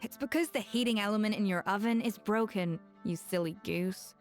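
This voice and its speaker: An actress playing a blunt, exacting female genius chef in a video game, with a brisk, matter-of-fact scolding manner. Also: mid-range voice, faint music behind, close to an everyday voice. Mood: exasperated.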